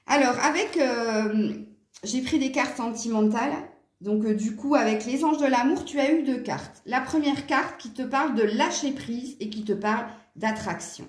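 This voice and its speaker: A woman's voice: fairly high pitch, moderate pace. A woman giving a casual tarot reading to her viewers, chatty and hesitant with many fillers, sounding tired. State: tired from poor sleep. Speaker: tarot card reader. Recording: echoey room.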